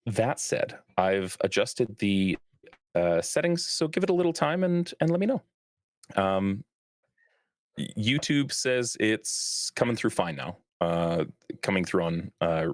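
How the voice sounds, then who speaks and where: Man, low voice, dry close sound, game master, relaxed, filler-heavy. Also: takes it slowly, pauses often, no echo. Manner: relaxed, lots of fillers, easy laughter. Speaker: dungeon master. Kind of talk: running a live-streamed tabletop game.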